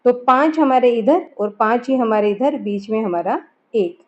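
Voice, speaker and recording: A woman with a somewhat high voice teaches a grammar lesson. She explains step by step and poses questions that she answers herself. The recording sounds dull and lo-fi. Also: moderate pace, a little mellow. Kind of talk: classroom lesson.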